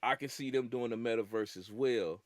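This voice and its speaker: A man's voice: mid-range voice, moderate pace, a crowd in the background. A young man hosting a podcast in casual, slangy chat, often laughing as he talks. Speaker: podcast host.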